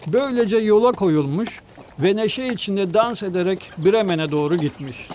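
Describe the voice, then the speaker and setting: A man narrating a fairy tale in an expressive, measured storybook reading. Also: high-pitched, slight background noise. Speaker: storybook reader.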